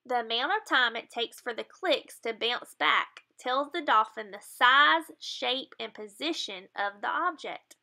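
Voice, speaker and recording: Woman reading a kids picture book out loud, explains the pictures, bright kinda high voice. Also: lively intonation, a little slow, gravelly, hardly any pauses. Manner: explains the pictures, adds playful sound effects. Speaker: reader of a children's picture book.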